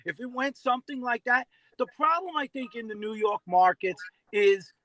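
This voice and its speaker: High bright-voiced man rambling about football. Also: no echo, low-quality recording. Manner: rambling, many fillers and restarts. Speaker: football show panelist. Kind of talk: casual sports talk.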